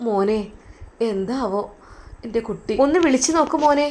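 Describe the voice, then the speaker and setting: A gentle, anxious mother, put on by a woman narrator, softly fretting. She keeps a Malabar Malayalam accent in a spoken storybook drama. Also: on the high side, expressive, moderate pace, close to an everyday voice. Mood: worried. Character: worried tender old mother.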